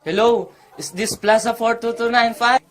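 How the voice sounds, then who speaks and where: A woman's voice: on the high side, steady tone, moderate pace, close to an everyday voice. A woman playing a formal, matter-of-fact telegram clerk in a radio drama, impersonal in manner.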